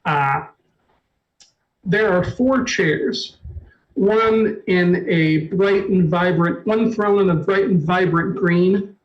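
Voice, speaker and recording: A man narrating a tabletop game as storyteller, halting, with many fillers and restarts. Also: sits high, highs cut off.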